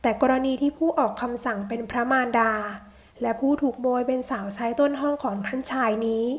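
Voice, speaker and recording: Woman audiobook narrator, high voice, steady novel reading. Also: a little fast. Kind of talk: scripted narration of a translated novel.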